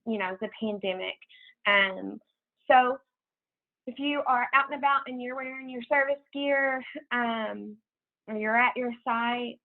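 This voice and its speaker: An American woman whose voice is on the high side handles informal announcements as a program coordinator on a telephone conference call. Her delivery is casual and halting over the tinny line.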